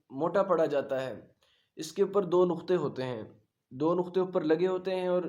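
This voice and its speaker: Slightly high-voiced male reading teacher. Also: highs cut off. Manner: patient, repeats letters slowly and loudly. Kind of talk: beginner recitation lesson.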